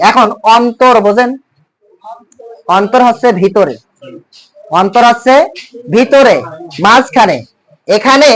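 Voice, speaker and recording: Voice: mid-range voice, poor audio. Teacher in class, repeats words a lot, quizzes the kids. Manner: explains patiently, repeats terms and quizzes students. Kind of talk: classroom lesson on speech sounds.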